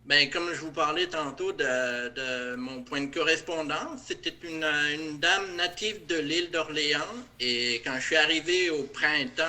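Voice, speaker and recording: Bright-voiced French man, hesitant. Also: a little high. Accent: light French accent, partly Québécois. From France. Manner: hesitant, many fillers and restarts. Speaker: interview guest, production director. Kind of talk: casual interview.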